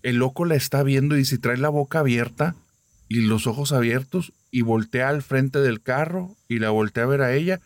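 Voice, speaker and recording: A man's voice: medium pitch, normal speed, no room sound, studio quality. Man telling a ghost story. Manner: casual, lively retelling with many quoted voices. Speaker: podcast storyteller. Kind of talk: retelling a listener's ghost story.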